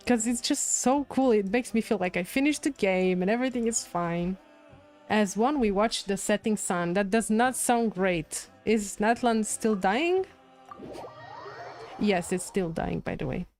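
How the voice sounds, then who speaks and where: With game music playing, a woman streaming a game muses about its story in casual commentary, repeating herself as she thinks aloud. She speaks unhurriedly in a mid-range, darkish voice.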